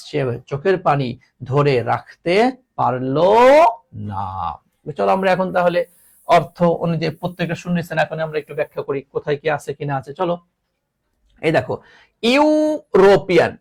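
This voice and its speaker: A man's voice: on the high side, lively intonation, fairly quick, vocal fry. A man teaching an English grammar class, repeating each word and teasingly scolding his students. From Bangladesh.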